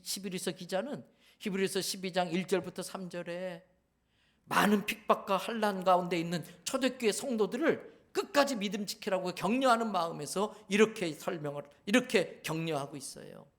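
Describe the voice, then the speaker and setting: High-voiced Korean pastor preaching. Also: male voice. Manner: emphatic, repeats key phrases, asks the congregation questions. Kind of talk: sermon. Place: church sanctuary.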